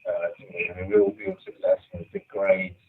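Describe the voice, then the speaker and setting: Band member with a lively voice, phone held well away, distant tinny line. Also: male voice, sits low, brisk. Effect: phone held away, distant and faint. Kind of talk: casual interview answers. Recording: far-off tinny phone line with background noise.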